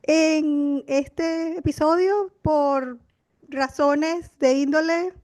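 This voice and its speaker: Higher-pitched Venezuelan woman chatting. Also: drawn-out words. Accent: Venezuelan Spanish. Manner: relaxed, reflective, laughs easily. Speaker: podcast co-host. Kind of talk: casual chat.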